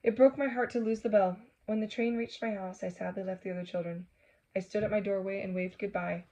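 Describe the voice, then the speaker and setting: In a low-quality recording, a woman with a mid-range voice reads a children's story briskly and expressively. She dramatizes the exclamations and breaks off to question and chat with her young audience.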